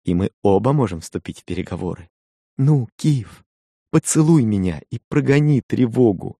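A man's voice: lowish voice, lively intonation, normal speed, gravelly, mellow, slightly rough, no echo, pitched above the performer's own voice, exaggerated voice. A man voicing a loving, resolute young island woman who speaks earnestly and pleads with feeling. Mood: determined.

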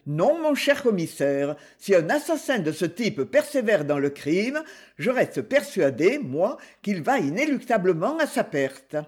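A man's voice: high-pitched, very animated, a little slow, slightly rough, full character voice. A man doing a cool, amused young detective.

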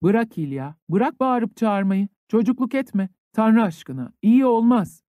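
A man's voice: sits high, very animated, unhurried, mellow, no echo, pitched above the performer's own voice. A man doing a scolding village headman. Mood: chiding. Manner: chiding, pleading.

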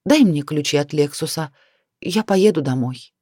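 An indignant, reproachful wife with second sight, as a woman reader puts her on, her pitch swinging widely as she scolds. Her voice sits low and sounds dry and close. The whole thing plays out as a storybook read aloud. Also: animated, moderate pace, warm tone, dry recording. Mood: cold, tired. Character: irritable clairvoyant wife, quick to scold.

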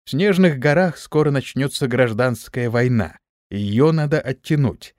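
A man reading an audiobook, voicing a sly, bold young male hero in a brash, lively tone. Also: mid-range voice, moderate pace, no room sound, clean studio sound, lightly acted. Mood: scheming.

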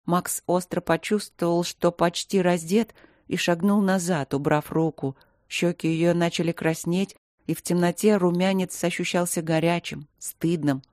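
A woman narrating a fantasy audiobook in measured, expressive storytelling. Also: fairly low pitch, dry recording, clean studio sound. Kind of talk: scripted narration.

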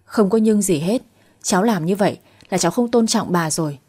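A woman voicing a stern old grandfather who calmly questions and then scolds. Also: mid-range voice, brisk, slightly rough. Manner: firm, scolding.

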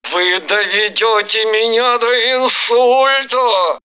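A woman voicing an irritable young man who keeps shouting in exasperation, in a story reading. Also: on the high side, animated, slow pace, muffled recording, pitched above the performer's own voice, heavily acted. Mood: exasperated.

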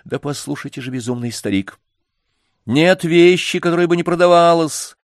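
A man voicing a fussy, imperious rich lady in an audiobook, shrill and commanding. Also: lively intonation, a little slow, darkish tone, no room sound, studio quality. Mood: demanding. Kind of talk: audiobook character reading.

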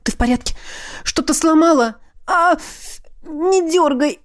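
Woman playing a snappy, sharp-tongued agent woman. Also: high voice, measured pace, voice pushed up. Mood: snappish.

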